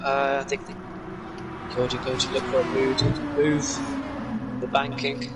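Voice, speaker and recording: A man's voice: mid-range voice, flat delivery, unhurried. A man co-commentating live on a sim motor race, calling moves as they happen. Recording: distant mic under loud car noise.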